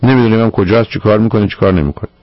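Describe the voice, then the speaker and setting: A man's voice: fairly low pitch, dry recording, lo-fi sound. A man hosting a radio call-in show as a psychologist, probing and lecturing his caller firmly. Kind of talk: call-in advice counseling.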